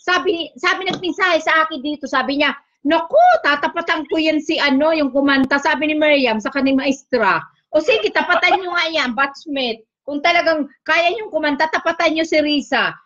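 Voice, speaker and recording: This livestream host's voice sits high with a fairly bright tone, and she speaks at a moderate pace. Keeping things casual, she chats, pokes fun at her guest and reads viewer comments aloud, with the stream's audio sounding dull and lo-fi.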